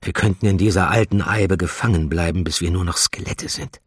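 A man voicing a nervous, flustered young mortal man, speaking in hushed, uneasy tones. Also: low-pitched, a little fast, slightly rough, no echo, studio quality.

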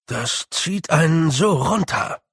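A man voicing a small, gruff blue male fairy chieftain who grumbles and sighs wearily. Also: a little high, expressive, slow, a bit bright, no room sound, clean studio sound, voice pushed up, full character voice. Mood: weary.

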